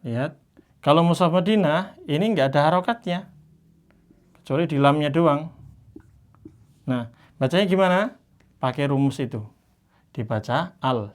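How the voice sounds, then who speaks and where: A man teaching Quran reading in a class, patiently explaining and slowly modelling each Arabic word. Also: on the high side. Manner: patient, slows down to model Arabic words drawn out; explains by pointing at written examples.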